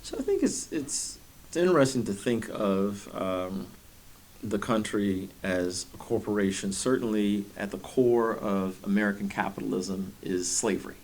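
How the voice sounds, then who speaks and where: A man speaking in a documentary interview, thoughtful and halting, with many fillers. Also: fairly low pitch, animated, darkish tone.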